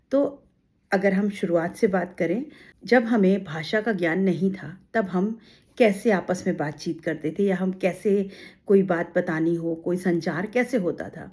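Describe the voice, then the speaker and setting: A woman's voice: fairly low pitch, a little mellow. A woman teaching an exam-prep grammar lesson. She explains step by step, asking rhetorical questions and giving examples.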